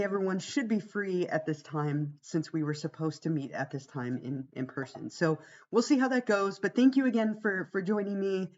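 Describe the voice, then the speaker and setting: A female college psychology instructor gives an informal class orientation on a livestream, conversational and reassuring. Her lowish, slightly mellow voice is gravelly and strained from a cold and a week of talking, and the audio's highs are cut off.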